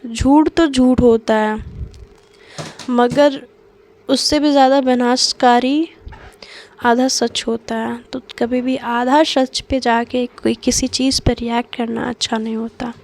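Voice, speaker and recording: A wise, gentle grandmother from a storybook, speaking with measured calm, as a woman reads her part. The voice runs a little high and carries a gravelly fry, and the pace stays unhurried. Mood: gentle advice. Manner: measured, advising.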